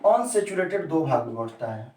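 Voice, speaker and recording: This chemistry teacher's voice is fairly high and darkish, swinging widely in pitch as he lectures at a moderate pace. He repeats key terms and poses question after question to his class. A faint hiss or hum runs under the echoey, far-miked recording.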